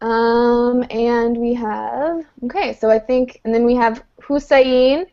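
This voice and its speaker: A woman leads a live online English lesson, slowly and patiently explaining each step and often saying "um." She has a fairly high voice with a steady tone. The recording carries the dull, lo-fi quality of an online call.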